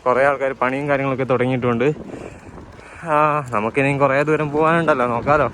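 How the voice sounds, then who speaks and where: Riding along the road, this Malayali cycle-touring vlogger chats casually and points out the sights, his mid-range voice steady, slightly bright, and fast. Traffic and wind make the outdoor recording noisy.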